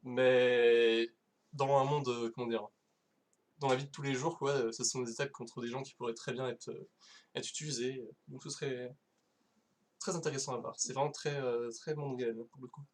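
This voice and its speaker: A man's voice: medium pitch, fairly even intonation, normal speed. Man, live-streamed tech lecture, casual, hesitant, lots of fillers, home desk mic. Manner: hesitant, many fillers and restarts; casual, self-deprecating. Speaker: conference speaker. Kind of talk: live-streamed technical talk.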